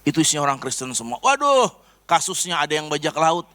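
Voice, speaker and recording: A man's voice: fairly high pitch, fast, pushed and bright. A man preaching a personal testimony, telling his story animatedly to the congregation. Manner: storytelling, addresses congregation as saudara. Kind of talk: sermon testimony.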